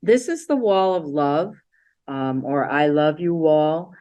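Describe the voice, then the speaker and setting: Low-voiced chatty woman presenting slides. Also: lively intonation, slow pace, mellow. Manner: chatty, meandering, with many fillers. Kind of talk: casual slideshow talk. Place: library meeting room.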